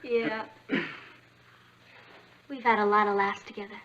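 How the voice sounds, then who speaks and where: An actress playing a spirited, excitable teenage girl in a 1960s TV sitcom. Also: medium pitch, lightly acted. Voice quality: bubbly, eager, quick. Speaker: teenage daughter. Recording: dull old TV soundtrack.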